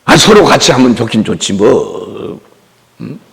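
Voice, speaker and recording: A man's voice: medium pitch, sing-song, a little slow, gravelly. A man preaching a revival sermon in a church sanctuary, calling for amens and acting out the people he describes. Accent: Korean. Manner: call-and-response preaching with mimicry. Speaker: pastor. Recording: long reverb of a church hall.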